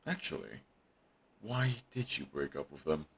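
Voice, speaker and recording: A man's voice: very deep voice, sing-song, unhurried, gravelly, a bit bright, husky, full character voice. A man voicing a grumpy, sarcastic male supervillain who dismisses an old rival in an audio roleplay drama. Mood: mocking. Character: snarky, grumpy male supervillain, middle-aged. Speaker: voice actor.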